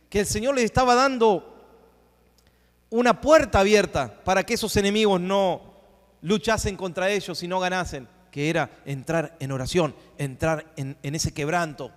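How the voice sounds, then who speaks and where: High-voiced preaching man in a reverberant hall. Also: moderate pace. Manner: preaching with swells of emphasis and hushed asides. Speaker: pastor. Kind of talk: sermon. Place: church sanctuary. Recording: long church hall reverb.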